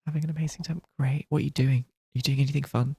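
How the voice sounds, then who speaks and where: A male streamer chats loosely and softly, drifting in and out of a half-whisper. His voice is breathy and husky with a gravelly edge. The sound is dry and close, with no room around it. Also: medium pitch, fairly even intonation, fast, dry recording. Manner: half-whispered, soft-spoken, rambling with restarts. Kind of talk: casual live-stream chat while carving a pumpkin.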